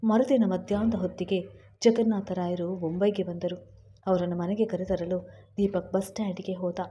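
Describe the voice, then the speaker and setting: A woman reading a family drama story aloud in a steady storybook manner. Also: on the low side, normal speed, dull audio. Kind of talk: scripted narration.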